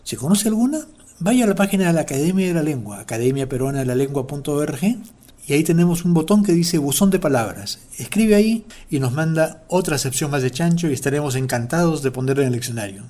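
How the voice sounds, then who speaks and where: A man's voice: on the high side, expressive, fast talker, warm tone. A man with a Peruvian Spanish accent hosting a language segment and explaining words in a playful way. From Peru. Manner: playful, acts out everyday quotes. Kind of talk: explanatory talk.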